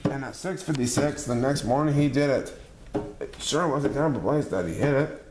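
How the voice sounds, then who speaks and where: A man reading a rhyming picture book aloud in a measured, rhythmic way, with the odd stumble. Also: mid-range voice. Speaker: storybook reader. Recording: echoey room with background noise.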